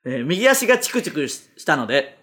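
High, lively man ranting fast. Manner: quick, animated retorts and laughing rants. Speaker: radio show host. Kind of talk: casual comedy radio chat.

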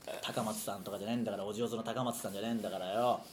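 A man co-hosting a comedy podcast, rough and teasing, firing off blunt retorts. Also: fairly low pitch, fairly even intonation, racing, background noise. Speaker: podcast co-host. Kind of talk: casual comedy podcast banter.

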